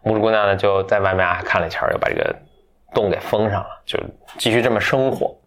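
A man casually retelling a fairy tale to a friend, rambling with many fillers and self-corrections, playful and quick to get animated. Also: lowish voice. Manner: playful, gets animated and laughs. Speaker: storyteller.

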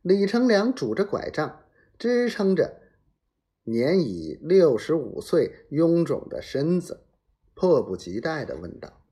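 A man reading a serialized historical novel aloud in a dramatic, measured storytelling manner. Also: on the high side, sing-song, dark tone.

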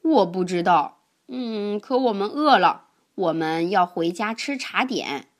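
A woman voicing a kind, playful female checkered elephant in a children's storybook, speaking calmly with a teasing edge. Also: mid-range voice, unhurried, lightly acted.

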